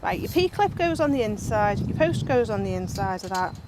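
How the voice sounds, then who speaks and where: A woman's voice: mid-range voice, sing-song, moderate pace. A woman with a Scouse accent explaining a garden build in a chatty, blunt, self-deprecating way, recorded outdoors in a rural garden. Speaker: vlogger. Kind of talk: casual how-to narration. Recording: outdoor recording with loud background noise. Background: cows and a passing plane.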